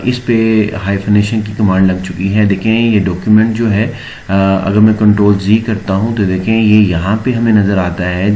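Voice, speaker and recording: A man explaining a word processor step by step in a screen-recorded tutorial, pausing often with filler sounds. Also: lowish voice, slight background noise. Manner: steady explaining with frequent filler pauses. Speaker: computer teacher.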